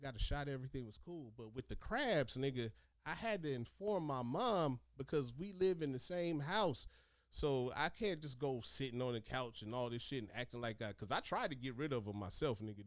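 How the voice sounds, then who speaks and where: A man telling stories casually in animated, profane street slang, talking like a streetwise former inmate. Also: fairly high pitch, dry recording, studio quality. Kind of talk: casual storytelling chat.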